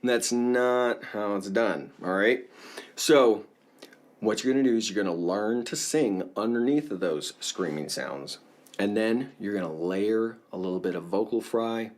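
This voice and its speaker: A man teaching a casual singing lesson, explaining in a relaxed way and often checking in with the viewer. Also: lowish voice, a little slow.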